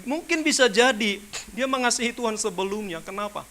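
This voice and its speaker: High, bright-voiced male pastor preaching. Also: fairly quick, a little hiss or hum. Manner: animated, keeps asking the congregation rhetorical questions; colloquial with humorous asides. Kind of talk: sermon. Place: church service.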